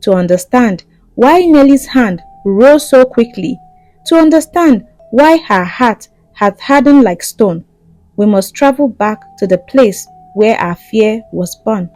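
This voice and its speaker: A woman storyteller narrating a scripted tale in a rhythmic, dramatic way. Her voice sits fairly high and moves a lot through each line. The recording is close and dry, with faint music under it. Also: lively intonation, takes it slowly, warm tone, dry recording, low-quality recording. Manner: rhythmic, dramatic, with repeated phrases.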